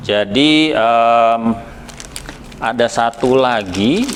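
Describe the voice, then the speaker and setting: This helmet shop reviewer, an Indonesian man with a mid-range voice, gives a casual, hesitant product review that borrows a few English words here and there. A faint hiss or hum sits under the recording.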